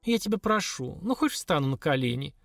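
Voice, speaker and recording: A man's voice: a little high, very animated, a little fast, gravelly, a bit bright, no echo, studio quality, heavily acted. A man voicing a tipsy, pleading older hostess who fusses over her guests. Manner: imploring, fussy.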